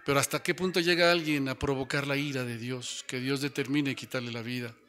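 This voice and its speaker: A man's voice: medium pitch, fairly even intonation, fairly quick, sharp tone. A man preaching a Bible sermon who speaks to his listeners as brothers and keeps tagging his lines with rhetorical questions.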